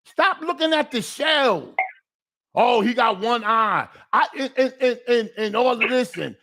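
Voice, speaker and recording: Man, call-in show host, high voice, emphatic ranting, repeated restarts. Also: lively intonation, unhurried, sharp tone. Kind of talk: casual chat.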